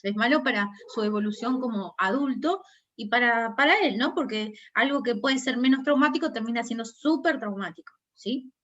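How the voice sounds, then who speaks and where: Rioplatense woman giving a nursing lesson over a call, kinda high voice, keeps asking "right?", muffled audio. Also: moderate pace, fairly bright tone. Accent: Rioplatense Spanish. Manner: explanatory, checks understanding with frequent tag questions. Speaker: nursing instructor. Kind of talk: online class lecture.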